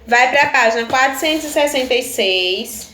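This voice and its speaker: Patient Brazilian teacher in an echoey room. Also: female voice, sits high, expressive, moderate pace, bright, forceful tone. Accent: Brazilian Portuguese. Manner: patient, explains step by step, often asks "tá certo?". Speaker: primary school teacher. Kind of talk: recorded video lesson for children. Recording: echoey room with faint ambient noise.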